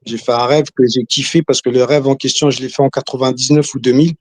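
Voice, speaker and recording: A fast-talking man from Congo, his mid-range voice a little mellow and his intonation fairly even, chats casually on a video call. He hesitates a lot, restarting and using fillers, and chuckles occasionally.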